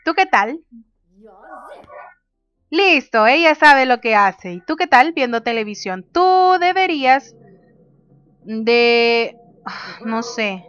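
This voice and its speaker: A woman's voice: fairly high pitch, takes it slowly, pauses often, a bit bright, clear, resonant tone, muffled recording, faint music behind. A woman casually commenting on a life-sim game, reading menu options aloud and laughing often. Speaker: gaming youtuber. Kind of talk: casual let's play commentary.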